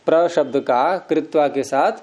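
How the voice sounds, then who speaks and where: Guy teaching sanskrit grammar, keeps firing questions at the class, mellow, bit high pitched. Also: unhurried. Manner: explains step by step, quizzing students with questions. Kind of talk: classroom lecture.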